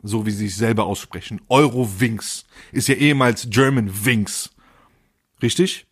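A man's voice: fairly low pitch, normal speed, husky. A man hosting a podcast, telling a comedic story in crude street slang and acting out the lines he quotes. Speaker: podcast host.

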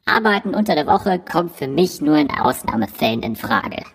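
A woman in a disguised deep voice, voicing an aging, boastful dinosaur who speaks the riddling clues of a quiz. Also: very animated, normal speed, husky, exaggerated voice. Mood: wry. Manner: riddling, rhyming clue delivery. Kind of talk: scripted quiz clue recording. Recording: recording with long hall reverb.

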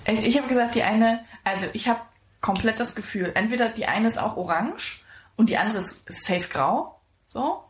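Excitable woman podcast co-host, gushing, casual chat, roomy sound. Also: a little high, moderate pace. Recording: echoey room.

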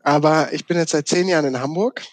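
A man's voice: a little high, a little fast, dry recording, studio quality. A man from southern Baden, a podcast guest explaining his work in a conversational way. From southern Baden, Germany. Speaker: podcast guest, sustainability manager.

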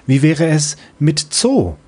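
A man's voice: a little high, very animated, slow pace, slightly rough, pitched above the performer's own voice, exaggerated voice. A man voicing a patient mother who explains things in a soothing, doting way.

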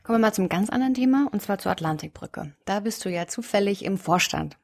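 A woman's voice: mid-range voice, expressive, fast talker, vocal fry. A woman interviewing a guest in a casual way, asking short prompting questions.

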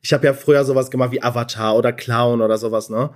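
Relaxed man explaining calmly. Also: medium pitch, fast talker. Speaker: guest. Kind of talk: casual chat.

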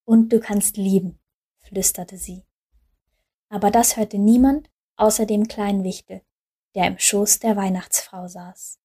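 Female storyteller, calm and gentle, breathy tone. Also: medium pitch, measured pace. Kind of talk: storybook narration.

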